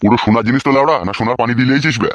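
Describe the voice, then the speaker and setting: A man's voice: mid-range voice, rapid-fire, no echo, lo-fi sound, natural voice. A man playing a coarse older village uncle in a comic skit, who scolds and swears. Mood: gruff.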